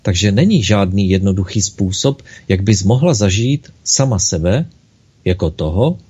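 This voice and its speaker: Give me a patient, smiling God from a storybook tale, as a man reads him, calm and gentle. The voice is dark and husky. The recording sounds dull and lo-fi. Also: fairly low pitch. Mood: explaining.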